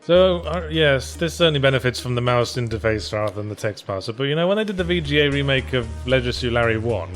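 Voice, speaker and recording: A man commenting on a video game in casual chat, with dry, sardonic, quick jokes. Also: mid-range voice, animated, soft background music. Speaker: let's play commentator.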